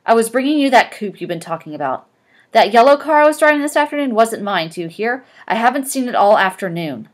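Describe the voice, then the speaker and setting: A woman voicing a gruff, domineering wealthy young man with a curt, commanding manner in a read-aloud novel. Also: on the high side, expressive, fairly quick, voice pushed up, lightly acted.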